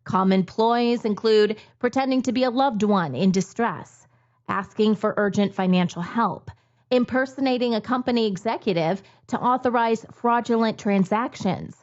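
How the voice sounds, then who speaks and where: A woman narrates a news segment from a script, steady and measured. The audio has a slightly muffled, lo-fi quality. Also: fairly high pitch. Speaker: news anchor.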